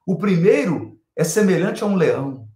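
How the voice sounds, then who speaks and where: A man's voice: high-pitched, animated, normal speed, warm tone, echoey room. A Brazilian man giving a spiritual lecture on scripture, emphatic, repeating key phrases and asking rhetorical questions.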